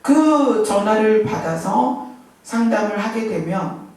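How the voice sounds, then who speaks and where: Middle-aged woman preacher, animated sermon full of questions, recorded from a distance in a very echoey church. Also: medium pitch, slow. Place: church sanctuary. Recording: echoey hall, mic from far off.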